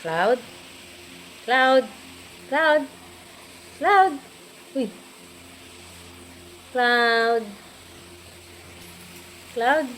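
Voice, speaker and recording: Feverish filipina vlogger at home, slow and a bit high, cooing at her cat, faint hiss behind. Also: fairly bright tone, poor audio. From Philippines. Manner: playful, coaxing baby-talk to her cat, frequent giggles. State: feverish and unwell. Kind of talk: casual home vlog talk. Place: at home indoors.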